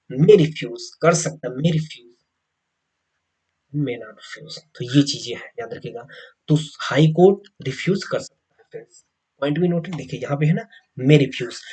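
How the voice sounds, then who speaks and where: Indian man, exam tutor, mellow tone, a bit high-pitched, repeats points, friendly address. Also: breathy edge, poor audio. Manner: mixes Hindi with English legal text read slowly. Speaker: teacher. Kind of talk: exam coaching lecture.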